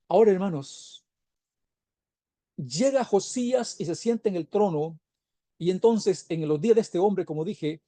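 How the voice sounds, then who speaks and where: A man, a pastor preaching a sermon in church, asking earnest rhetorical questions and reading scripture slowly for emphasis. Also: high-pitched, warm tone, dry recording.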